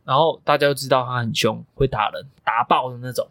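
A man's voice: mid-range voice, steady tone, brisk, fairly bright tone, dry recording. A young man, a coach co-hosting a podcast, telling stories emphatically and swearing freely. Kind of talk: casual podcast chat.

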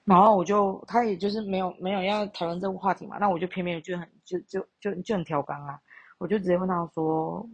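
A woman's voice: lowish voice, steady tone, quick pace, husky, dry recording, dull audio. A woman with a Taiwanese Mandarin accent, hosting a podcast and telling a story in a candid, blunt way, swearing freely. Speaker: podcast host. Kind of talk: casual storytelling chat.

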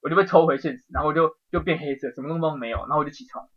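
A man telling a strange dream in excitable casual podcast chat, swearing now and then. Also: fairly high pitch, rapid-fire. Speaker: podcast co-host. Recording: dull lo-fi podcast audio.

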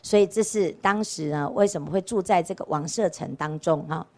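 A woman's voice: fairly low pitch, a little fast, a little mellow. A woman, a Buddhist nun giving a casual storytelling dharma talk and often asking her listeners "right?". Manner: chatty, keeps asking rhetorical "right?" questions. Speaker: Buddhist nun lecturing on scripture. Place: temple lecture hall.

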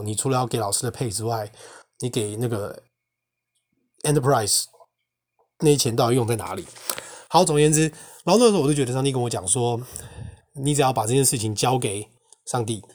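Fast-talking young Taiwanese man. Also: mid-range voice. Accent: Taiwanese Mandarin. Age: young adult. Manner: indignant, animated storytelling. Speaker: podcast host. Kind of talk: casual personal testimony monologue.

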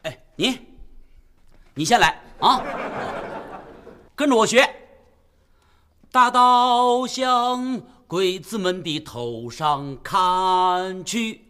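A chuckling soldier coaching slogans. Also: male voice, sits high, animated, takes it slowly, long pauses, bright, forceful tone, exaggerated voice. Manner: chuckling, coaxing, bossy. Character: jovial male puppet-army soldier teaching slogans. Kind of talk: radio drama acting.

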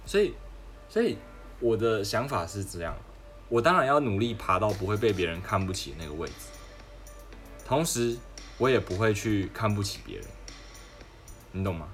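A young man with a Taiwanese Mandarin accent chats with his audience, telling anecdotes and now and then mimicking others in a higher voice. His voice sits low. Quiet music plays softly behind him. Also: animated, normal speed, pauses often. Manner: chatty storyteller, mimics others in raised voice. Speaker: livestream host. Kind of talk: casual chat. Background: background music.

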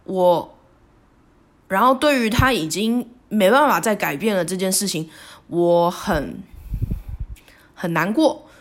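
Woman doing a solo podcast, halting and sorry-sounding, lots of restarts. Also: mid-range voice. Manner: halting, remorseful, with frequent restarts. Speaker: podcast host. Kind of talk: reflective solo podcast monologue.

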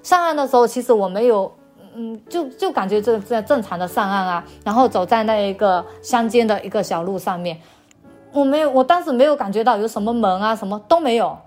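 A woman's voice: on the high side, lively intonation, a little fast, darkish tone, soft background music. A woman from China telling a personal faith story in an interview, hesitant and often repeating her words. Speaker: interview guest.

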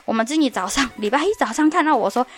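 A woman's voice: sits high, lively intonation, quick pace, faint music behind. A woman podcast host telling a workplace story in a casual, exasperated, ranting monologue.

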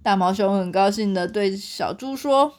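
At bedtime, a young woman with a Taiwanese Mandarin accent reads a picture book aloud to her child, telling the story in a lively, animated way. Her pitch is medium and her pace is normal.

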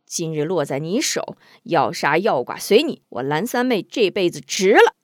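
A woman reading a story, voicing a bold, sharp-tongued woman outlaw who talks back with fierce defiance. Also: sing-song, moderate pace, no room sound, clean studio sound. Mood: defiant. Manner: shrill, struggling, self-mocking laughter.

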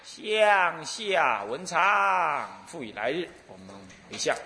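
这是一位台湾口音的住持和尚在开示佛法，声音高亢清亮。他的语调抑扬顿挫，讲故事风趣活泼。. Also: male voice, a little high, slow, heavy background noise. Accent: Taiwanese Mandarin. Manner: lively, humorous storytelling. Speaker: Buddhist abbot and lecturer. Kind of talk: dharma lecture.

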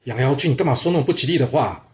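A man's voice: medium pitch, expressive, very fast, a little mellow, highs cut off, close to an everyday voice. Man playing a cautious chief minister. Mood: reasoning.

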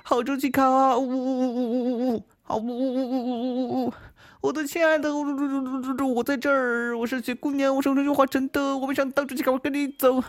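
A woman voicing a timid young snow maiden girl who sobs, stammers and pleads in a high, quick voice. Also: little pitch movement, no echo, lightly acted. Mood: crying out. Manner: wailing, stammering, fast high sobbing speech.

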